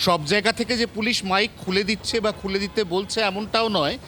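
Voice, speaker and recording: A male field reporter with a West Bengal Bengali accent delivers a live explanatory news report in a high, forceful voice. He lays out his explanation point by point, with emphasis. Faint outdoor traffic noise can be heard behind him.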